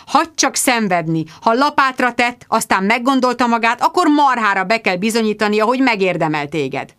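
Bossy, shrill young woman friend read by a female narrator: high, loud, insistent, for an audiobook. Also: animated, clean tone, no echo, studio quality. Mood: emphatic. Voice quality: shrill and emphatic.

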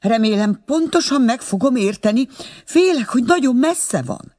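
A reader voicing an excitable elderly mother who exclaims in a high, flustered voice on a telephone call in an audiobook. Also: lightly acted. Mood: anxious.

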